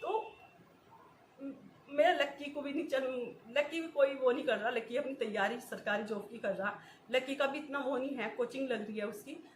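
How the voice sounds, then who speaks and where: A woman's voice: high-pitched, moderate pace. A woman, talking in an emotional personal vlog, in short repeated phrases and often breaking into nervous laughs. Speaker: vlogger. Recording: echoey room with faint ambient noise.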